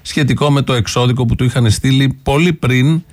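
A man's voice: mid-range voice, darkish tone. A man hosting a radio political commentary show, sarcastic, listing his points one by one. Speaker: radio host.

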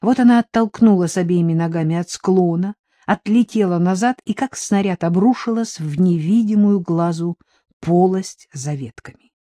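A woman reading a story aloud in a steady storytelling manner. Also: on the low side, normal speed, no room sound, clean studio sound. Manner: steady storytelling, voices the characters. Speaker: audiobook reader. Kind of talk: scripted narration.

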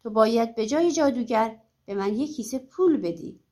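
A sly young peasant, read by a woman, talks in a playful, crafty way. The voice sits high and bright. It comes from a storybook told aloud. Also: animated.

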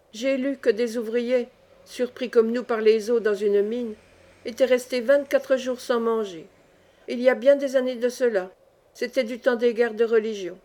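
A woman reading the part of a calm old schoolmaster among trapped miners, explaining things patiently in an audiobook. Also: a little high, close to an everyday voice. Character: wise old male mine schoolmaster, calm.

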